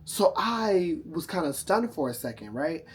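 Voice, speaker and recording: Drunk, husky man rambling through a story. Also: a little high, very animated, unhurried. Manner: sassy, rambling, often loses the thread. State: drunk, tipsy. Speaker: vlogger telling a storytime. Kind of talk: casual, profane storytelling to camera.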